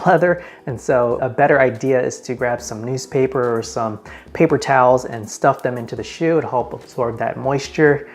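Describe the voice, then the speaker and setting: A man's voice: mid-range voice, a little mellow. Man, casual vlogger style. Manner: casual, direct address with emphatic numbered points. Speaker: men's style video host. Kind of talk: vlogger presenting tips to camera. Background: faint background music.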